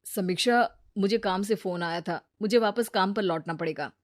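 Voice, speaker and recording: A woman voicing a sensible grown man, a brother-in-law who talks patiently and gently lectures. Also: medium pitch, normal speed, lightly acted. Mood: calm.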